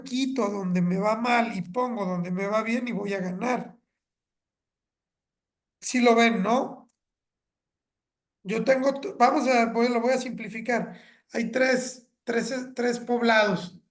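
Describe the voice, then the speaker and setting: A woman with a Mexican accent giving a graduate lecture over a video call, explaining in a conversational way with homely examples and asides. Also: a little high.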